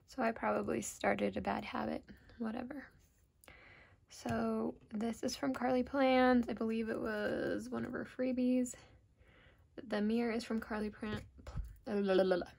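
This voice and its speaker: A woman's voice: fairly high pitch, creaky, darkish tone, slightly rough. A woman with an American accent chatting casually and informally in a rambling, self-deprecating plan-with-me vlog, often trailing off mid-thought. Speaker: planner vlogger.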